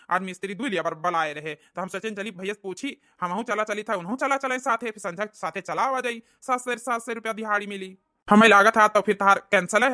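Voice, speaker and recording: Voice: medium pitch, sharp tone, no room sound, clean studio sound, close to an everyday voice. A voice actor playing a nosy village neighbor who questions and prods in a cartoon comedy. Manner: prying, questioning.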